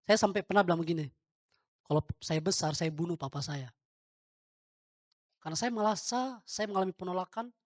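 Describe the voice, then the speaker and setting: A man's voice: high-pitched, dry recording, clean studio sound. A male pastor giving an informal sermon, talking straight to the congregation and throwing questions at them.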